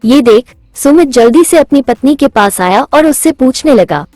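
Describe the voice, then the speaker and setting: High-voiced woman narrating a cartoon story. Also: dry recording, soft background music. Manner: steady, measured storytelling.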